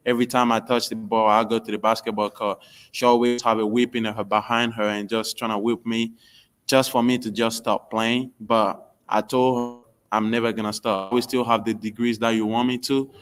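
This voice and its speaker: Young male athlete, Beninese accent, low-pitched smooth voice, even delivery, casual interview storytelling. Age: young adult. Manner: informal, non-native English phrasing. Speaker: basketball recruit being interviewed.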